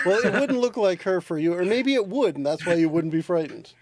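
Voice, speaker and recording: A man running a tabletop game as game master, calmly explaining rules and scenes. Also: high-pitched, a little fast, background noise.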